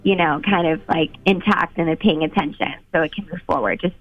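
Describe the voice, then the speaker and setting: A woman's voice: on the low side, steady tone, brisk, soft background music. Woman caller on a tinny phone line. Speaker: radio show caller. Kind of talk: casual advice by phone.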